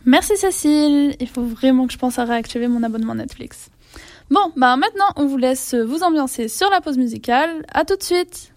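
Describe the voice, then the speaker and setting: A woman hosts the show and hands over between segments in a relaxed, chatty way. Her voice is high and the sound is dry and close. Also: fairly quick, no room sound. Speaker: host. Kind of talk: casual presenting.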